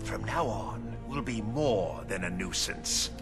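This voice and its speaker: An actor playing a gleefully menacing, theatrical clown supervillain in a video game, mocking and prone to bursting into shouts. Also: male voice, fairly low pitch, animated, slow, over loud music. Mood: grandiose menace. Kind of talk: video game cutscene acting.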